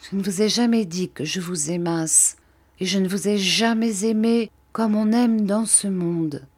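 A woman's voice: mid-range voice, a little slow, a little mellow, breathy edge. A woman voicing a devout, wounded noblewoman who pleads solemnly in an audiobook reading. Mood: tearful forgiving.

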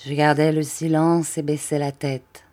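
A woman's voice: sits low, flat delivery, measured pace, dark tone. A woman narrating a classic novel as an audiobook, reading expressively.

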